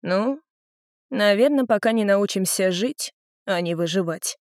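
A woman voicing a quiet, gloomy teenage boy. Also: mid-range voice, lively intonation, unhurried, no echo, studio quality, close to an everyday voice. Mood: soft. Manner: soft, subdued.

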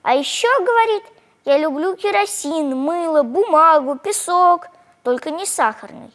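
A woman's voice: very high-pitched, animated, normal speed, in a large hall. A woman voicing a tiny, timid creature girl who eats nails, with a thin, shy, sniffly little voice, in a storybook reading. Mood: shy, pleading.

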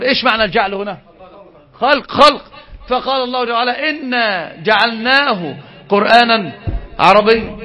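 Fast, high-voiced man teaching. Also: muffled recording. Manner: animated, asks the audience questions and answers them. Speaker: religious teacher. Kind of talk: Islamic lesson.

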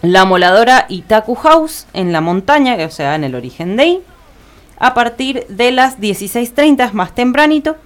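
Smooth-voiced Argentine woman reading radio listings. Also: on the high side, expressive, moderate pace. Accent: Argentine Spanish. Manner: reads listings with frequent "eh" fillers and self-corrections. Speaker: radio co-host reading the events agenda. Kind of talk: community radio event listings. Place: radio studio.

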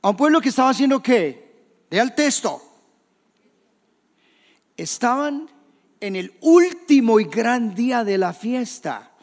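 A man preaching a sermon as pastor in a church, questioning the congregation and shouting quoted scripture. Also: very high voice, sing-song, takes it slowly, pauses often, long reverb tail. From Colombia. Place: church hall.

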